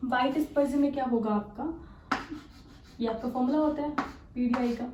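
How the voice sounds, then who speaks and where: A woman's voice: high voice, a little fast, far from the mic, dull audio. Echoey, off-mic woman teaching chemistry. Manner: explains step by step with frequent rhetorical questions and "theek hai"; mixes English technical terms into her talk. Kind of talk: exam-prep lecture. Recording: echoey room, voice a bit off-mic, faint hiss.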